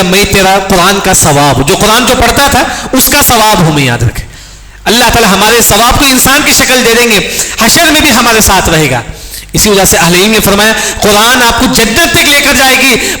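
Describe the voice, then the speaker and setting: High bright-voiced guy preaching, asks questions then answers them, keeps saying remember, big echoey mosque hall. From India. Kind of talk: sermon.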